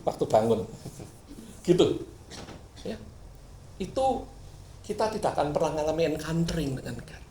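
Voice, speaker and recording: A male pastor preaching a sermon, moving from loud bursts to quiet asides. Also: a little high, moderate pace, pauses often, a little hiss or hum. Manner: lively, swings from loud bursts to quiet asides, sings briefly. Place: church hall. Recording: echoey hall, mic at a distance.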